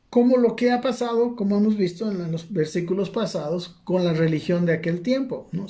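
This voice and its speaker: A man's voice: high-pitched, warm tone. Man preaching a Bible study, conversational. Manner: conversational, asks "¿no?" again and again, many restarts.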